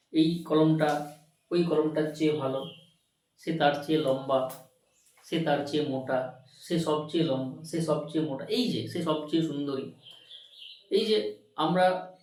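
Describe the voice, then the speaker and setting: Male teacher, high lively voice, spells words out slow, mic far off in a really echoey room. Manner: asks students questions, then answers them himself; spells words out slowly and repeats them. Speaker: English grammar teacher. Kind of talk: classroom grammar lesson. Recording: very echoey room, recorded from afar.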